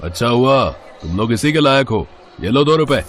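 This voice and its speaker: A man's voice: medium pitch, expressive, moderate pace, a bit bright, natural voice. A man voicing a cruel, contemptuous rich moneylender in a cartoon story. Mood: sneering. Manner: sneering and contemptuous.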